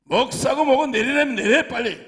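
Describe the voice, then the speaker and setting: A man doing a gruff bossy cop. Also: very high voice, huge pitch swings, measured pace, fairly bright tone, big-room sound, pitched above the performer's own voice, exaggerated voice. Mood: commanding. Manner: barking orders. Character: gruff bossy male police officer.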